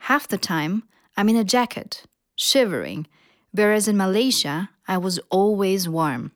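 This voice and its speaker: A woman plays a young woman from Malaysia sharing culture shock in a listening-test clip, frank and mildly complaining. Her voice is mid-pitched and dry, with no room sound. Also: animated, measured pace, no echo, natural voice. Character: woman from Malaysia, young adult, bothered by the cold. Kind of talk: scripted testimonial for a listening test.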